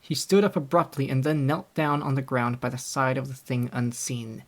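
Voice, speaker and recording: Young guy reading an audiobook, steady even storytelling, mid pitch. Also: normal speed. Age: young adult. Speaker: audiobook narrator. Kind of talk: scripted audiobook narration. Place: home recording setup.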